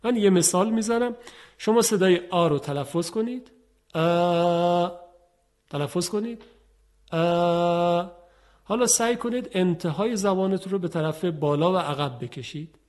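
A man with a fairly high voice teaches Quranic pronunciation. He speaks in a polite, formal way to his viewers. He slows right down to stretch out each letter he demonstrates. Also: darkish tone. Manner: slow, drawn-out demonstration of letters.

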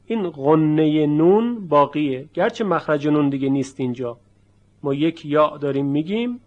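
A man with a slightly raised pitch teaches a Quran recitation lesson. He explains each rule step by step, then stretches out the example words slowly and with emphasis so the sounds come through clearly. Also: narrow, tinny audio. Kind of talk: tajweed lesson.

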